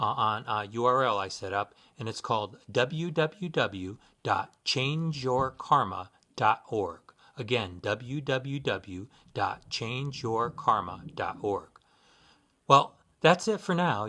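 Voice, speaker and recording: A man giving sincere, measured spiritual guidance in a scripted instructional talk, with occasional fillers. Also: mid-range voice, pushed and bright. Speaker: Buddhist practitioner giving guidance.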